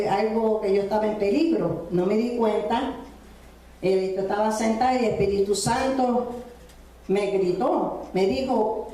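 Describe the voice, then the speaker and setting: A woman's voice: on the high side, dark tone. A woman preacher, telling a testimony in a sermon, full of fillers and tag questions. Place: church. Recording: echoey church from far off.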